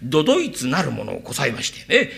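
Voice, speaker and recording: Guy doing a chatty show-off from old edo, bright lively voice. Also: fairly quick, gravelly, heavily acted. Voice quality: fawning and boastful, swings in pitch. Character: chatty, boastful male hanger-on who mimics voices. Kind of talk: rakugo storytelling.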